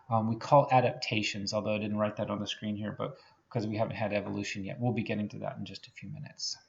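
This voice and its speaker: A male biology lecturer with a gravelly voice who talks conversationally, full of "um"s and restarts, and often pauses to ask "okay?". The recording is dull and lo-fi, like classroom lecture capture. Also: fairly low pitch. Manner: conversational, many fillers and restarts, frequent "okay?" checks. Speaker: biology professor.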